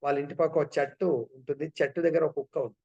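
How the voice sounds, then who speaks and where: A man telling a story in a devotional lecture, in an animated way. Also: on the high side, quick pace, gravelly, highs cut off. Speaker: devotional speaker.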